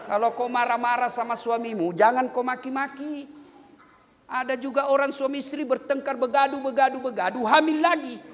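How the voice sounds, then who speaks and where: A middle-aged man preaches a comic sermon in a high, lively voice. He banters with his listeners and turns loud for his punchlines. His voice carries a long hall echo over faint room ambience. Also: a little fast, a little hiss or hum. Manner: animated, bantering, swings from quiet asides to shouted punchlines.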